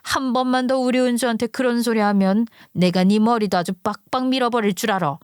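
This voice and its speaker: A woman's voice: a little high, a little fast, dry recording, clean studio sound, natural voice. A woman voicing a hot-tempered middle-aged single mother who scolds harshly in a dramatized story. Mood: furious. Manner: combative, scolding, rough-tongued. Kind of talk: storytelling acting.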